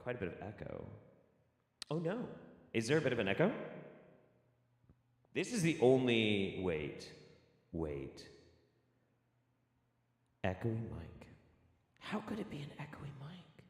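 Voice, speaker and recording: A man's voice: medium pitch, huge pitch swings, slow, long pauses, darkish tone. A male host in his home studio, chatting loosely and swearing, his voice on a mic with a cave-like echo. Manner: rambling, swearing, laughing at himself. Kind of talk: casual online show chat. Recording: echoey mic with long reverb.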